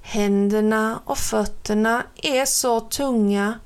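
A woman gently reading a children's book aloud. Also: a little high, fairly even intonation, clean tone. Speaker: narrator.

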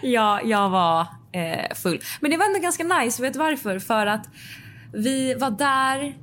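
A woman co-hosting a podcast, animated and quick to laugh, swearing casually in casual chat. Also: a little high. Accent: Swedish. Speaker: podcast co-host. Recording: faint background noise.

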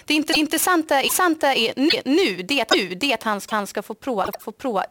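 A woman's voice: sits high, a bit bright, no echo. Woman co-hosting racing tips. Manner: halting, repeats words while reading. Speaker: co-host of racing tips show. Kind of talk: scripted betting tips chat.

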